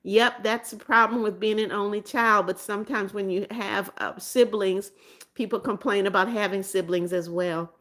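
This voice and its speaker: Chatting back to each viewer comment she reads aloud, this livestream host in her seventies keeps things relaxed at a moderate pace. Her pitch sits in an ordinary middle range, and she repeats phrases, calls herself [name], and fills pauses with ums and small restarts.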